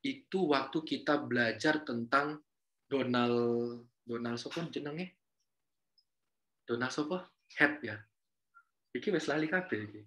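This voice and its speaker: In a relaxed university lecture, this North Sulawesi man talks with his students, poses questions to them, and mixes in Javanese and English words. His voice is mid-range and a bit bright.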